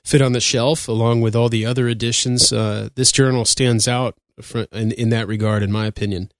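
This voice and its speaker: A man co-hosting a podcast speaks in an easygoing, casual way, with drawn-out fillers. His middle-pitched voice has a gravelly, creaky edge. The sound is dry and close. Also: steady tone, no echo. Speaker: podcast co-host.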